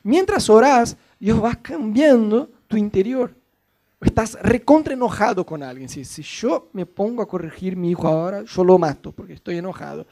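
A middle-aged man with a Rioplatense accent gives a casual sermon. His voice sits high for a man. He talks in a chatty, joking way and mimics the people in his stories. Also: lively intonation, moderate pace, a little mellow. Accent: Rioplatense Spanish. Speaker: pastor.

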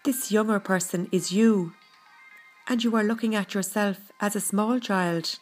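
Slow, soothing woman guiding meditation over music. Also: medium pitch. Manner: soothing, gentle, unhurried. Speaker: guided meditation narrator. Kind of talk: scripted guided meditation narration. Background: background music.

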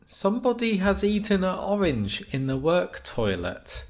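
A man co-hosting a casual podcast, talking in a dry, deadpan way as he reads out forum posts. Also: high voice, unhurried. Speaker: podcast co-host.

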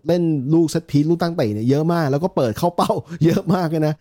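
Fast-talking man with a mellow low tone. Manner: rapid, laughing, swears casually. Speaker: podcast co-host. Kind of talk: casual football chat.

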